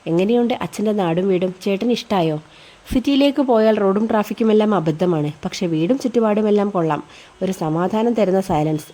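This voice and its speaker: A woman voicing a relaxed, teasing young male college student in a storybook reading. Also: medium pitch, a little fast, lightly acted.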